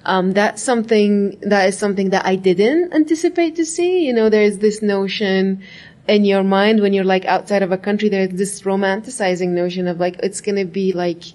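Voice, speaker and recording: She's an Iraqi graduate student giving a casual interview, speaking reflectively with frequent "like" and "right?". Her mid-range, darkish voice holds fairly even intonation at a moderate pace.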